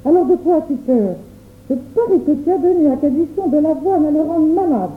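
A woman's voice: high voice, fairly quick, soft background music, lightly acted. A stern mother who scolds sharply and demands answers, voiced by a woman reading a story. The recording sounds thin and narrow, like a phone call. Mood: scolding. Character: stern, quick-tempered mother. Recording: tinny phone-like audio.

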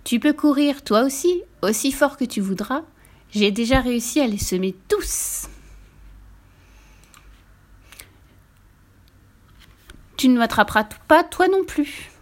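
A woman's voice: on the high side, expressive, moderate pace, darkish tone, voice pushed up, natural voice. A woman voicing a boastful little gingerbread boy who taunts his chasers in a sing-song way. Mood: taunting.

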